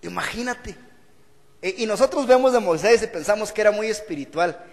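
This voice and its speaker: Brief: male pastor, high-pitched voice, preaching earnestly in a church hall with long reverb. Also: expressive, a little fast. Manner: earnest preaching, repeating phrases for emphasis. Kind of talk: sermon.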